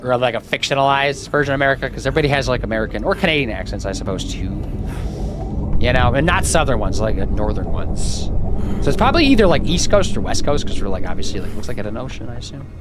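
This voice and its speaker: A young man chatting casually through a game stream, rambling to his viewers and breaking into panicked yelling when startled. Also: medium pitch, big pitch swings, fast, very noisy. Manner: rambling, chatty, talks to chat while playing; bursts into loud panicked yelling when scared. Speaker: gaming streamer. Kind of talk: casual let's-play commentary. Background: game music playing clearly.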